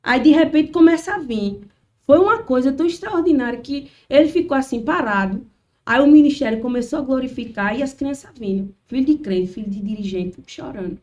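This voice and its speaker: A woman shares a lively church testimony as a podcast guest. Her voice sits a little high but soft and mellow. She is picked up from a distance, away from the mic. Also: a little fast, highs cut off. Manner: animated storytelling, acts out quotes. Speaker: guest, children's ministry worker. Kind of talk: testimony in casual chat.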